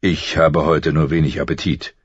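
A man voicing a stern, weary noble father in an audiobook, measured and grave. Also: extremely low pitch, little pitch movement, husky, dry recording. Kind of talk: audiobook character voice. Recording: slightly muffled dry recording.

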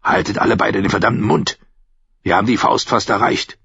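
Guy putting on a low grudging muttering young guy, husky, muffled audio. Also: fairly even intonation, brisk, a bit bright, dry recording, heavily acted. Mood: curt. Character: bitter, resentful young man, quietly menacing.

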